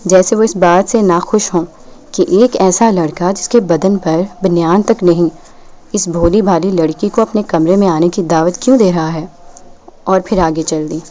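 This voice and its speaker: A woman reading a novel aloud as an audiobook narrator, in a steady, measured way. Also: fairly low pitch.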